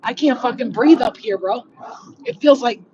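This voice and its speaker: A woman's voice: fairly high pitch, moderate pace. A woman, a spiritual healer ranting bluntly and profanely to her viewers. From New York. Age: 40s. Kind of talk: casual rant to viewers. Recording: slightly dull, faint background noise.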